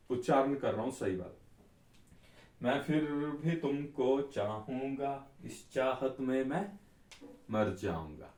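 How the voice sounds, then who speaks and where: A man teaching an Ayurveda class, explaining slowly and repeating the key terms. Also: medium pitch, darkish tone, recorded from a distance. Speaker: Ayurveda tutor. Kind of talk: classroom lecture. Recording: echoey room, voice off-mic.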